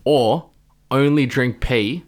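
A man's voice: medium pitch, slow pace. A man chatting as a podcast co-host, playfully reading out quotes and questions. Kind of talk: casual chat.

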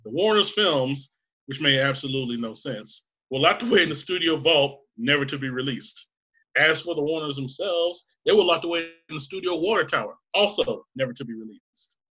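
A man on a podcast voicing an old newsreel announcer, declaiming grandly and briskly. The recording sounds dull and lo-fi. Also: on the high side, expressive, bright, forceful tone, breathy edge, exaggerated voice. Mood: announcing.

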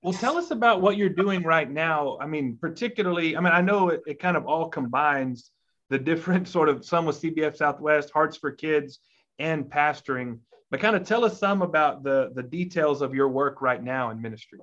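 A man's voice: a little high, moderate pace, fairly bright tone. A man hosting a church conversation series, asking friendly, rambling questions with fillers. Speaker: host. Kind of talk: conversational interview. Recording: dull lo-fi audio.

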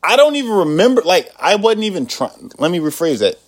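A man co-hosting a casual podcast, telling stories in an animated, laughing way and swearing freely. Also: high voice, fairly quick. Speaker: podcast co-host. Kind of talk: casual chat.

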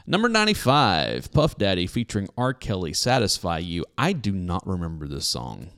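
Chatty low-voiced man hosting a podcast. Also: huge pitch swings, normal speed, fairly bright tone, clear, resonant tone. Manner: chatty, hesitant restarts, laughs easily. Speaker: podcast co-host. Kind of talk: casual chat counting down a music chart.

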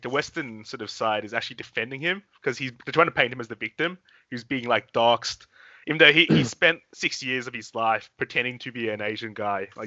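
A man's voice: medium pitch, bright, forceful tone, no echo, muffled recording. A man co-hosting a podcast, chatting casually with lots of fillers and restarts. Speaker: podcast co-host. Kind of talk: casual chat.

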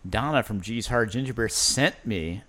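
A man's voice: lowish voice, moderate pace. A man hosting a casual podcast, chatting loosely while tasting beers, with lots of "you know" and "like". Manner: relaxed, rambling, with many fillers like "you know". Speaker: podcast host.

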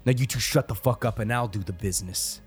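A man's voice: on the low side, quick pace, soft background music, pitched below the performer's own voice, natural voice. A man voicing a fed-up male alien brother who takes command, bossy and blunt with plenty of swearing.

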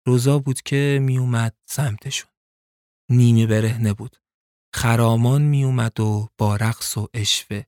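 Guy reading a crime story, casual spoken style, mid pitch, dry close sound. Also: fairly even intonation, a little mellow, no room sound. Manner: colloquial, suspenseful. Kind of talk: dramatic story narration.

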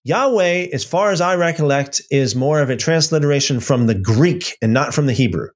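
A man with a rather high, expressive voice at normal speed hosts a casual livestream Bible study. He reads out viewer comments and responds to them, with many restarts and fillers.

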